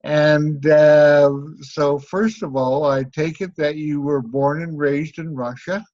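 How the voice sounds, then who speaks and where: A man's voice: fairly high pitch, flat delivery, takes it slowly, darkish tone, lo-fi sound. A man hosting an online club meeting, who asks brief, direct questions. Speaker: meeting host.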